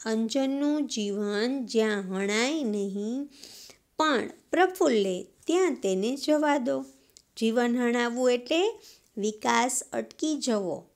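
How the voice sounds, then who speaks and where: A woman reading the lines of a calm middle-aged man who gently persuades an angry father, in a school lesson. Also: a little high, takes it slowly. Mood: persuasive.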